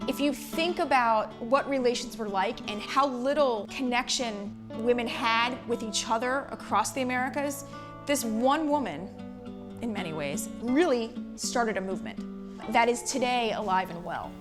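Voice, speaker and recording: A woman with a slightly raised pitch explains history thoughtfully, laying out her points with care. Music plays quietly beneath her voice. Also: normal speed. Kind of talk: interview commentary.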